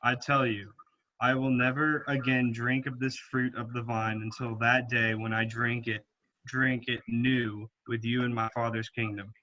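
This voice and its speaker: Jesus read by a man, calm grave teacher, bright measured voice, slightly muffled recording. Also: mid-range voice. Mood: solemn. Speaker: reader. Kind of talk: scripted church reading.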